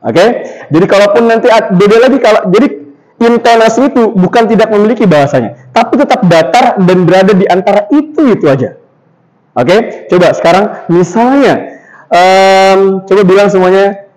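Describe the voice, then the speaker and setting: A young man with a high, light voice teaches a room of students about public speaking. He talks in a lively way, keeps quizzing the class, and shows how to recite in a flat, even tone. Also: moderate pace, rough recording. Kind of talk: classroom lesson.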